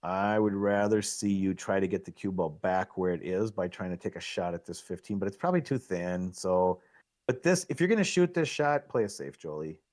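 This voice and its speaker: A middle-aged man giving excitable, coaching commentary on a live pool match, laughing at himself often. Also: sits low, moderate pace.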